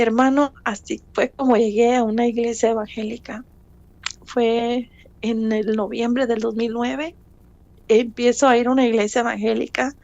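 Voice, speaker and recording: Slow, earnest woman giving a testimony. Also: fairly high pitch, darkish tone, no echo, muffled recording. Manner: slow, earnest storytelling, addresses listener as brother. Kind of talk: emotional personal testimony.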